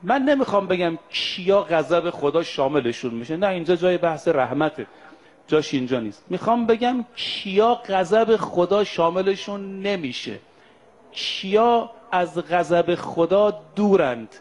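Addressing the brothers and sisters in front of him, a male preacher gives a sermon to pilgrims, slowing down to chant Arabic quotations before explaining them in plain speech. His voice sits high, a little mellow, with lively intonation.

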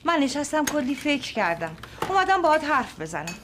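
A woman's voice: sits high, very animated. An actress playing a worried mother who firmly reproaches her son. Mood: reproachful. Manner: firm and reproachful. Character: worried mother, firm and caring. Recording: background noise.

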